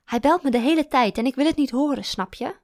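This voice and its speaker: A woman voicing an older female kindergarten teacher, tipsy and tearful, who rambles in a high, excitable voice. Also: fast, dry recording, clean studio sound. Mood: rambling.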